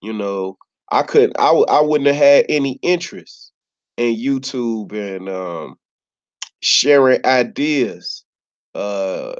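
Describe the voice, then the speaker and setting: A man's voice: medium pitch, expressive, takes it slowly, smooth. Chicago guy chatting laid back on his channel, lots of "you know what im saying", kinda muffled sound. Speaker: YouTuber. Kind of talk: casual talk to camera. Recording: slightly dull lo-fi recording.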